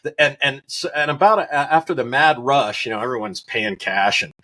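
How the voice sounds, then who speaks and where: A middle-aged man from Wyoming, a rancher, chatting in an interview and telling animated stories, acting out the voices of people in his anecdotes and laughing often. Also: medium pitch, fairly quick. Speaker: rancher guest. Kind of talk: casual interview storytelling.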